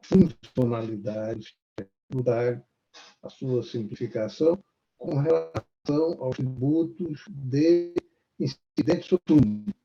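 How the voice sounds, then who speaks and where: A man with a Brazilian Portuguese accent gives a formal lecture over a video call, and his voice breaks up in a choppy buffering stutter. He speaks in a measured way, with pauses and restarts. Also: medium pitch, vocal fry, dark tone. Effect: choppy buffering stutter from a bad internet link. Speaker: guest lecturer on tax reform. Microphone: lapel mic on a video call. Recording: dull, lo-fi video call audio.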